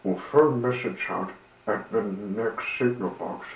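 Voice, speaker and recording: A man voicing a calm, easygoing train driver in a storybook reading. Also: fairly low pitch, a little slow, creaky. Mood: practical. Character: calm steady male engine driver. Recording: roomy with faint hiss.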